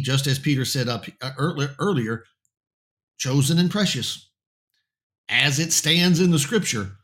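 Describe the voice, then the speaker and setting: A Bible teacher goes verse by verse on air, his middling-pitched voice raspy with morning roughness and slightly hoarse as he clears his throat. He speaks in halting bursts, repeating words when he restarts, and often checks in with a quick "okay?"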